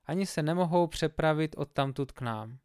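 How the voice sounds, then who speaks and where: A man voicing Abraham, a calm old patriarch who speaks in a steady, measured, fatherly way, in a Bible story reading. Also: fairly high pitch, clean tone, dry recording, studio quality, lightly acted. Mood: grave.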